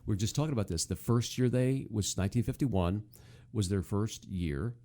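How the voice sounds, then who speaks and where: A podcast co-host with a lowish, mellow voice talks at a moderate pace. He chats casually and with amusement, reminiscing about old television.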